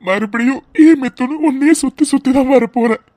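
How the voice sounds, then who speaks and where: A woman's voice: high voice, fairly quick, mellow, no echo, lightly acted. A woman voicing a loving, protective young husband in a cartoon drama, pleading and emotional. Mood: tearful tender. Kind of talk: tearful cartoon drama voice acting.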